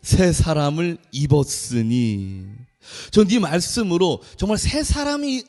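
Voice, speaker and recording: A man in his thirties preaching a sermon as a junior pastor, telling stories with lively acted-out voices. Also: on the high side. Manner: animated storyteller, acts out quoted voices. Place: church sanctuary. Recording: reverberant church hall.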